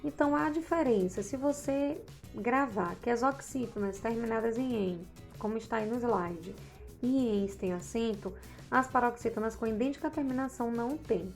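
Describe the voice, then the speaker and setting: A woman's voice: a little high, moderate pace, faint music behind. A woman teacher explaining grammar rules from slides, often checking in with tag questions. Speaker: Portuguese teacher. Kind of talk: slide-based grammar lesson.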